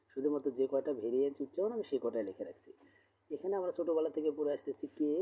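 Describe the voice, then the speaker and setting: Male English teacher, husky voice, drills pronunciation slowly, thin phone-like sound. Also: medium pitch. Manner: explains step by step, asks questions and answers them himself; repeats words slowly to model pronunciation. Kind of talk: classroom lesson. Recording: tinny phone-like audio.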